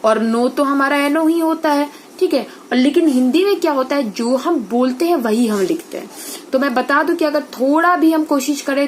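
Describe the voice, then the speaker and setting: A woman's voice: sits high, slight background noise. A woman teaching an online Hindi grammar class. She explains step by step, asks the class questions, answers them herself and keeps checking that the students follow. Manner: explains step by step, often checks with "theek hai".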